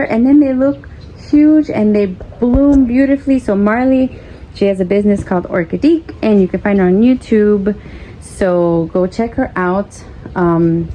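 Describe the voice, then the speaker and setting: A woman's voice: medium pitch, highs cut off. A woman chatting casually to viewers as a plant vlog host, effusive and repeating phrases, with Spanish words slipped into her English. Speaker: host of an orchid-growing vlog. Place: outdoors in an orchid pergola. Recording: clear ambient outdoor background noise.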